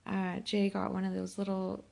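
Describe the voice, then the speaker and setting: A hungover woman in her thirties talking in a weary, halting, self-reproachful way in a casual confessional vlog, sounding sick. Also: mid-range voice, completely flat delivery, creaky, a little mellow. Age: 30s. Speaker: vlogger. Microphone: phone held by herself.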